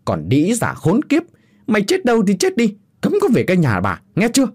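A man's voice: high voice, wildly swooping pitch, brisk, a little mellow, husky, voice pushed up, full character voice. A man shrieking as a cruel daughter-in-law. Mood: furious. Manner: screaming abuse, hands on hips.

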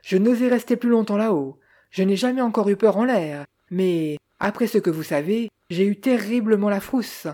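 A woman reading aloud voicing a shaken but polite male aviator who talks in a hurried, breathless way. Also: medium pitch, dark tone, close to an everyday voice. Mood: urgent, shaken.

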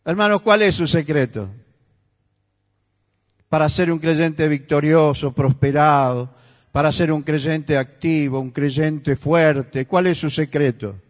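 A male pastor with a Rioplatense Spanish accent, preaching an emphatic sermon that rises to near-shouts. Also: on the high side, slow pace. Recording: echoey church hall.

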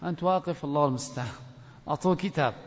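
A man's voice: a little high, racing. A man teaching a grammar class who calls on students and questions them, stretching words out to drive points home. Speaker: sheikh teaching a grammar course. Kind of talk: classroom lesson with oral quizzing. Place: lecture hall. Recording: dull lo-fi recording with long hall reverb.

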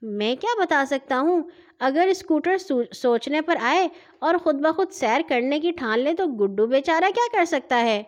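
A woman's voice: high-pitched, expressive. A woman voicing a smug, offhand young boy in a children's story. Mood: nonchalant. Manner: offhand and cocky.

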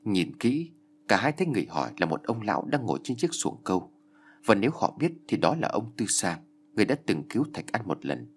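A man's voice: fairly low pitch, brisk, a little hiss or hum. A man narrating a ghost story expressively as an audiobook reader. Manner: expressive, dramatic.

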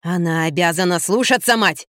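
A woman reading an audiobook, voicing a harsh, bullying middle-aged mother who yells and scolds without pause. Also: mid-range voice, no room sound, clean studio sound, natural voice. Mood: furious. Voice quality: harsh, sharp voice. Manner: yelling and scolding.

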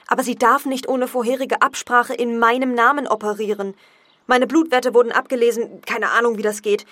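Actress as anxious, indignant woman, slightly high. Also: fairly bright tone, no echo, close to an everyday voice. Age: 30s. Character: anxious, indignant young woman losing control of her AI. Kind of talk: naturalistic radio drama acting.

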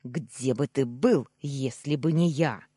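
A man's voice: fairly high pitch, very animated, slow pace, darkish tone, no echo, studio quality, exaggerated voice. A man voicing a scheming, fat middle-aged uncle who shrieks and splutters, in an audiobook reading. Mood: shrieking. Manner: shrieking, spluttering, then nervous babbling.

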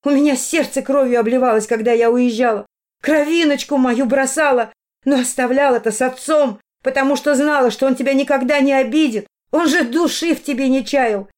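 Lady reading as a worked-up mother, high and loud, tearful and fiery. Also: fairly quick, close to an everyday voice. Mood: pleading. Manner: pleading, agitated outbursts. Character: emotional middle-aged mother, tearful and fiery.

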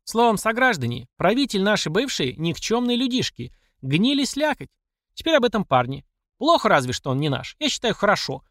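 A man's voice: high voice, big pitch swings, brisk, fairly bright tone, no room sound, studio quality, pitched above the performer's own voice, heavily acted. A man voicing an outspoken older village woman who scolds and rallies a crowd in a folksy way. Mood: rallying.

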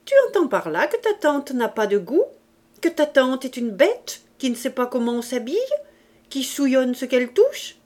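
A woman voicing a domineering, quick-tempered mother in a French audiobook, with indignant, shrill outbursts. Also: very animated, a little mellow. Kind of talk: audiobook reading.

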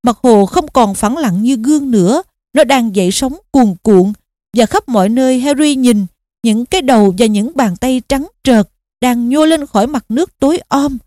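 A woman reading an audiobook aloud in a steady, expressive storytelling manner. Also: fairly high pitch, normal speed, dry recording, clean studio sound. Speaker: audiobook narrator.

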